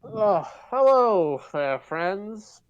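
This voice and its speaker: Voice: mid-range voice, very animated, drawn-out words, dull audio, noisy background. A player voicing a polite adventurer who stumbles over words while greeting some dwarves. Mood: ingratiating. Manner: hesitant, searching for words.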